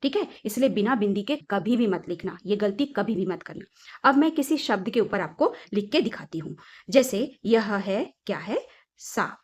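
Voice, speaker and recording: A woman's voice: mid-range voice, expressive, normal speed, a little mellow. A young woman teaching small children, sing-song and emphatic, asking questions and answering them herself. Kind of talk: children's lesson.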